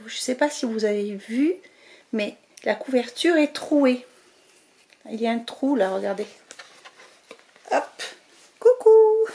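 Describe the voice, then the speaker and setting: A woman reading a picture book aloud to children, slow and expressive, talking to her young listeners. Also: on the high side. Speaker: storyteller.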